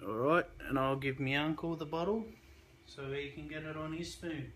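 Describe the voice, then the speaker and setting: A man's voice: a little high, moderate pace, fairly bright tone, slight background noise. A man in his twenties hosting a casual hot sauce review vlog, chatty, upbeat and unscripted. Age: 20s.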